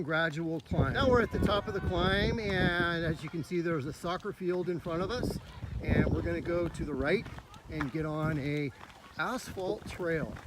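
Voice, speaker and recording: High-voiced man touring a running course. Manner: instructive, upbeat. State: slightly out of breath. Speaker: cross country coach. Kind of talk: walking course tour commentary. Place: outdoor park trail. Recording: faint outdoor noise.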